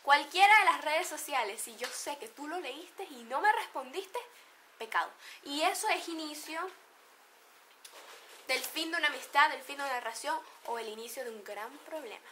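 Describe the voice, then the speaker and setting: A woman's voice: high voice, lively intonation, moderate pace, bright, forceful tone, slight background noise. A woman with a Venezuelan accent chatting playfully to camera, laughing often as she explains slang. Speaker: beauty vlogger. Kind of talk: casual chat to camera.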